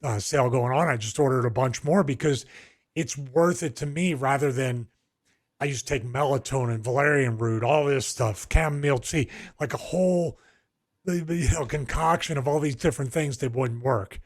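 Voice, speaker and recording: A man's voice: mid-range voice, moderate pace. A middle-aged man with a Philadelphia accent, co-hosting a podcast in casual, rambling chat full of restarts. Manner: rambling, storytelling with frequent restarts and fillers. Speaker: podcast co-host.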